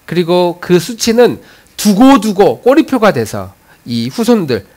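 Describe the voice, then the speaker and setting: A man's voice: high voice, very animated, measured pace, warm tone. A man, a pastor, preaching a sermon and leading the congregation through scripture readings.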